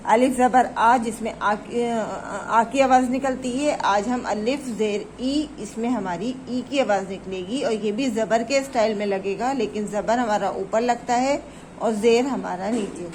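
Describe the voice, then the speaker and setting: A woman teaching an online reading lesson to children, drawing out each letter sound slowly for them to repeat and mixing in English words. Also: a little high, a little mellow, slight background noise, rough recording. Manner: slow, drawn-out letter recitation for repeating along.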